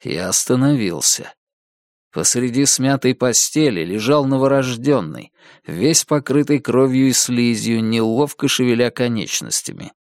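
Man narrating a dark story. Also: mid-range voice, unhurried, dry recording, studio quality. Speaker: audiobook narrator. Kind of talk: scripted first-person narration.

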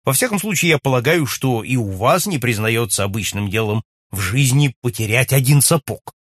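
A man reading aloud and voicing a blunt young baronet who talks loudly and forthrightly in a husky voice. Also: mid-range voice, animated, normal speed, no room sound, clean studio sound. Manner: loud, forthright, exclaiming. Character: young hearty baronet back from abroad, blunt.

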